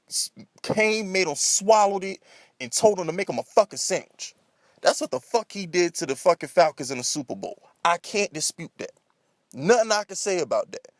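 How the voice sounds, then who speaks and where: A man's voice: high-pitched, no room sound, studio quality. A man delivering an emphatic, escalating comedic sports rant off the cuff, exasperated, repeating himself and swearing freely. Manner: heavy swearing; emphatic, repetitive, rhetorical questions. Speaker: sports commentator.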